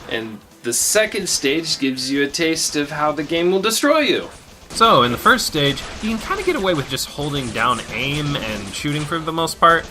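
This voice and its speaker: A man's voice: a little high, sing-song, normal speed, hardly any pauses, pushed and bright. A man narrating a video game review with joking asides and playful commentary.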